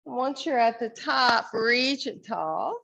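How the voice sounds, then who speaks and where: Gravelly-voiced woman leading yoga. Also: a little high, slow pace, dull audio. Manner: calm, encouraging cueing of poses. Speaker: yoga instructor. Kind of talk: guided yoga class instruction.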